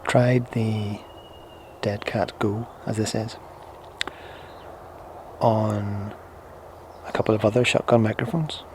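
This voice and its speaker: A man's voice: little pitch movement, slow, long pauses. A man giving a casual, hesitant product demonstration, thinking aloud as he reviews gear. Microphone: small on-camera shotgun microphone via recorder into camera. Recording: noisy on-camera mic, low rumble.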